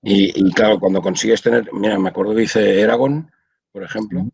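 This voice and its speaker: Older man from Spain, interview guest, video call, low voice, dry sound. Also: fairly quick, creaky, darkish tone, husky, dry recording, poor audio. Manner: explains at length with many restarts and fillers. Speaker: audiovisual translator, interview guest. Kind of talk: casual conversational interview.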